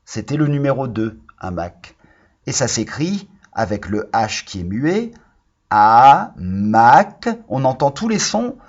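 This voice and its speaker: A man's voice: mid-range voice, sing-song, a little mellow, slightly rough, dull audio. Patient man teaching young children. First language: French. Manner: patient, slow and encouraging, stretching out key words. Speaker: primary school teacher. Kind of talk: recorded lesson for young children.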